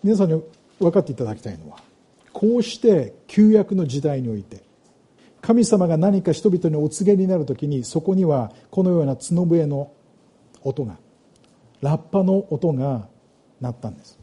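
A middle-aged male pastor gives a sermon, reading scripture aloud and turning to the congregation with questions. His voice is dark and mellow, slightly raised in pitch, with a husky edge. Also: expressive, normal speed.

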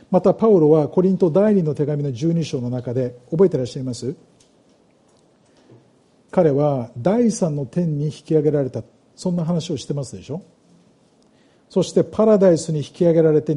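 A middle-aged male pastor gives a sermon, reading scripture aloud and turning to the congregation with questions. His voice is dark and mellow, slightly raised in pitch, with a husky edge.

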